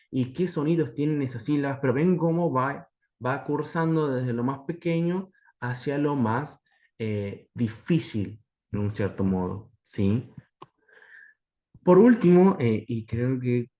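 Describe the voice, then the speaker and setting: A man from Argentina giving a teacher-training lecture over slides, explaining step by step and often asking his listeners whether they follow. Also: mid-range voice. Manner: explanatory, keeps checking in with a tag question.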